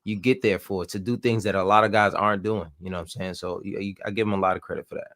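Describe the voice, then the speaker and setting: A relaxed man rambles through basketball talk as a co-host, leaning on filler phrases. His voice sits low. The recording is dry and close. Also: fast talker, dry recording. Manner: relaxed, rambling, fond of fillers like "you know".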